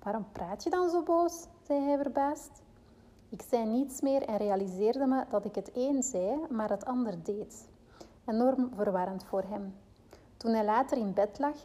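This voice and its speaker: A woman's voice: mid-range voice, unhurried, mellow. A woman with a Flemish accent reading aloud from a parenting book and breaking off into loose personal asides full of fillers. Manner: reads steadily, then rambles with fillers in her own asides.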